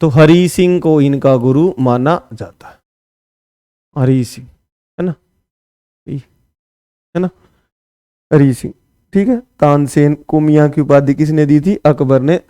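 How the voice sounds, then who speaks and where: A man's voice: a little high, slow, long pauses, dark tone, clean tone, no echo, studio quality. A man teaching an exam-prep lesson, firing off quiz questions and answering them himself, repeating each answer with a tag question. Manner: casual, scolds sloppy notes.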